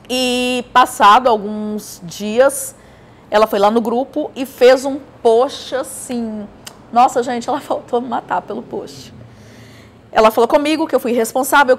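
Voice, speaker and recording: A woman with a Brazilian Portuguese accent talks straight to the camera in a relaxed vlog. She explains things step by step in a chatty way and drops in fillers and personal stories. Her voice sits a bit high. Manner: chatty and explanatory, tells anecdotes with frequent fillers. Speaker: probiotics educator.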